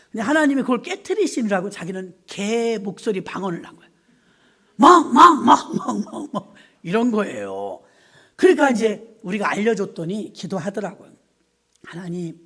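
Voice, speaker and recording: A middle-aged woman pastor delivers a sermon as a run of lively stories. Her voice rises and falls across a wide range, and she breaks into laughter and mimicked sounds as she tells them. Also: medium pitch. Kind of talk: sermon with storytelling.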